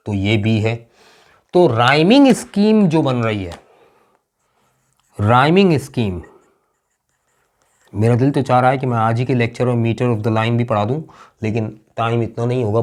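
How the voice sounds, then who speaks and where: A man with a Karachi Urdu accent teaching as an English teacher in a classroom-style lecture, explaining slowly and drawing out recited verse lines. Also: medium pitch, darkish tone.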